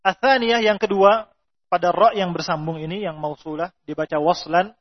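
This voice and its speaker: A man teaching Quran recitation rules, reading Arabic lines slowly and explaining them, with drawn-out pronunciation examples. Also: high-pitched, fairly even intonation. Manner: reads Arabic text slowly, then explains in Indonesian. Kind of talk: explaining tajweed rules from a text. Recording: dull lo-fi recording.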